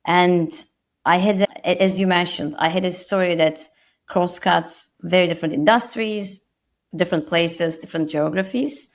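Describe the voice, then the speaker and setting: A Turkish woman in her thirties, speaking with a Turkish accent, appears as a podcast interview guest. Her voice is fairly low and her pace normal, and she comes across as reflective and modest, often restarting her sentences.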